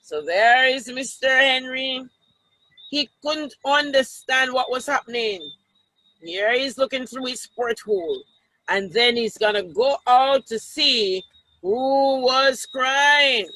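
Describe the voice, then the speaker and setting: Reading aloud to kids, a Jamaican-accented woman brings a teacher's expressiveness to the tale and turns aside now and then to address her young audience. She speaks slowly in a high voice. There is no room sound, and the recording is rough.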